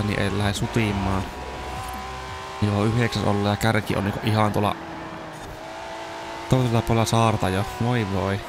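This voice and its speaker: A man's voice: lowish voice, very noisy. A man giving casual commentary over a racing game, exclaiming at near misses, his voice a little strained from a dry mouth. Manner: excited yelps at near misses. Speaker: gaming video host.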